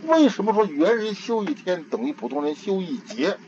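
A man's voice: high-pitched, big pitch swings, moderate pace, darkish tone. An older man giving an informal Buddhist dharma talk, in a homely conversational way, often repeating and restarting his words. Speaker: Buddhist teacher. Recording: dull lo-fi archival tape with faint hiss.

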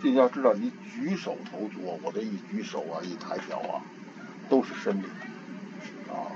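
An older Buddhist teacher gives an informal dharma talk in a homely, conversational way, often repeating and restarting his words. His voice is fairly low and animated, moving at a moderate pace. The audio is dull lo-fi archival tape with faint hiss.

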